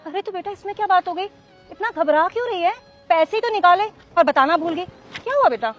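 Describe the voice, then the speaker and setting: A haughty rich mother, played by a woman, speaks in a very high voice with sharp, scornful, accusing words. Faint music plays underneath. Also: lively intonation, brisk, muffled recording. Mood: doting. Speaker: shopper. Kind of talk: amateur web drama acting.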